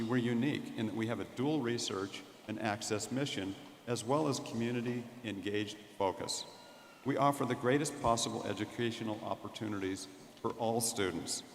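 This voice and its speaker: A man's voice: fairly low pitch, a little hiss or hum. Formal man speaking in an echoing hall. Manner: measured, proud, formal. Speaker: university chancellor giving a commencement address. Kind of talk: formal ceremony speech. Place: large hall. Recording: echoey hall with long reverb.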